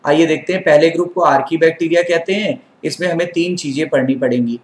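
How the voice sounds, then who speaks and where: A man's voice: fairly high pitch, fast talker, echoey room, slight background noise. An Indian man teaching a biology class, who asks his students questions and then answers them himself. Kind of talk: classroom lecture.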